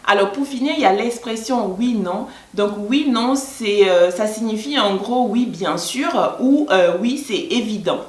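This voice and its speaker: A woman's voice: a little high, expressive, measured pace, few pauses, a little mellow. Chatty West African woman vlogger. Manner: chatty, laughs often. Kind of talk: casual explainer vlog. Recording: echoey room.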